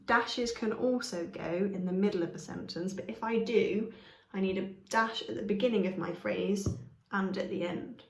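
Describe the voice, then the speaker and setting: Woman teacher for a grammar lesson, patient, checks in with "okay?", mid-pitched, echoey room. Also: moderate pace, vocal fry.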